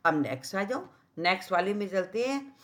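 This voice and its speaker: A woman's voice: mid-range voice, very animated, fairly bright tone. A woman teacher explaining grammar to children at the board, spelling out each word and often asking if they follow. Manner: keeps checking understanding with "clear?" and "right?"; repeats and spells out words slowly while writing. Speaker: school teacher. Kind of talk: blackboard grammar lesson for children.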